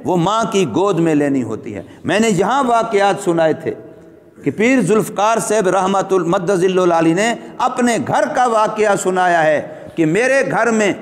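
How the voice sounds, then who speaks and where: A man's voice: high-pitched, expressive. A man preaching a sermon as an Islamic scholar, building emphasis and drawing out recited verses. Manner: preaching with rising emphasis and drawn-out Quranic recitation. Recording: echoey hall reverb.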